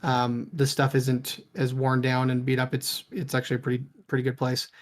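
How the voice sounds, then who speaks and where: A man's voice: medium pitch, completely flat delivery, normal speed. A man narrating as game master of a tabletop game, in a casual, rambling way. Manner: casual, rambling, with many fillers.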